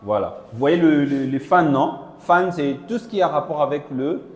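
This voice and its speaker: A man speaks at normal speed in a high-leaning, expressive voice while interpreting a Chinese lesson into French for a class. Explaining patiently, he checks comprehension with "non?" and "voilà"; the room is echoey with long reverb.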